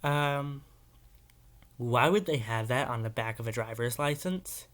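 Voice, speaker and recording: Slow, hesitant man reacting to a video. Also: mid-range voice, a bit bright. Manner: rambling, hesitant, full of filler words. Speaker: YouTube reaction host. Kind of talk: casual video reaction commentary.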